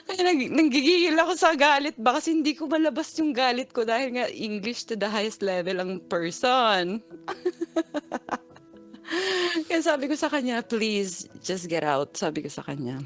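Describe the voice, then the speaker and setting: Animated woman caller telling a story. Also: sits high, moderate pace, soft background music. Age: 30s. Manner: animated storytelling, acting out both sides of an argument. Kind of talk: phone-in confession.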